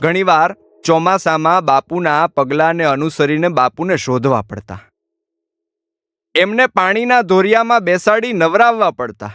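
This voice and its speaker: A man reads a novel aloud as an audiobook in a fairly high voice, telling the story with dramatic expression. Soft music plays faintly under his narration. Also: expressive, normal speed, smooth, dry recording.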